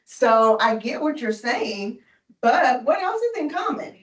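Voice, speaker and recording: A woman's voice: high-pitched, big pitch swings, a little slow, roomy sound, far from the mic, poor audio. A woman tutoring a student in phonics, patient and encouraging, often checking in with "right?". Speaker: reading tutor. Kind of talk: one-on-one phonics lesson.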